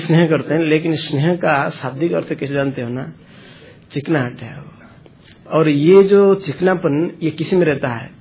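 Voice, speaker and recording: A man giving an informal spiritual discourse, explaining slowly with everyday examples and answering his listeners. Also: fairly high pitch, dull audio. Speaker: spiritual teacher.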